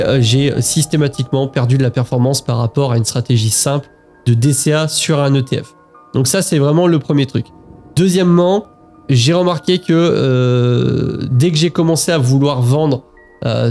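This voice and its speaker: A man's voice: medium pitch, mellow. A man talking casually and directly to the viewer about his investing, walking through charts with frequent hesitations. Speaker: investing vlogger. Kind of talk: casual talk to camera while screen-sharing charts.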